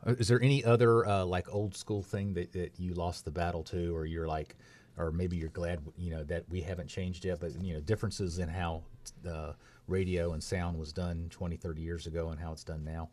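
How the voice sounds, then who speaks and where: A man's voice: sits low, level tone, normal speed, darkish tone. A male interview host who asks long, rambling questions full of fillers and restarts. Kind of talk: conversational interview.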